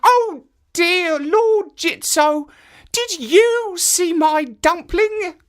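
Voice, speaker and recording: In a children's story, a man voices a funny, fearless little old woman in full character. The voice is shrill and wailing, with stretched-out words, lively intonation, and a very slow pace. The mood is pleading.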